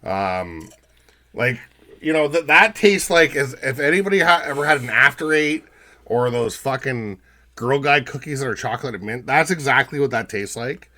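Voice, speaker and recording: Animated, profane male podcast co-host. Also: medium pitch, normal speed. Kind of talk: casual chat over drinks.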